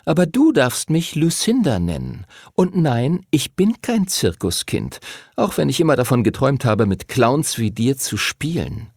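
A man's voice: mid-range voice, big pitch swings, measured pace, creaky, a little mellow, no echo, clean studio sound, pitched above the performer's own voice, full character voice. A man voicing a fearless, cheeky girl. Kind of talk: audiobook character voice.

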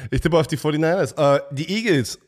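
A man's voice: on the high side, normal speed. A man giving football picks in a casual podcast chat, enthusiastic and chatty, often restarting his words. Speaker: podcast co-host.

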